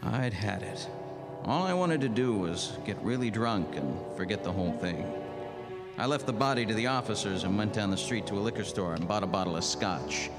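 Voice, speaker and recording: This is 1940s noir radio narration and acting, recorded at a live stage radio play under loud music. An actor with a lowish, animated but natural male voice plays a world-weary, hard-boiled private-eye cop narrating his case. At normal speed, he sounds weary and grim, terse and slangy.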